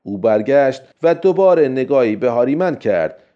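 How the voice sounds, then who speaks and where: A man narrating a science fiction story in a steady, storytelling way. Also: medium pitch. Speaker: audiobook narrator. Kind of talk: scripted narration. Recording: dull lo-fi recording.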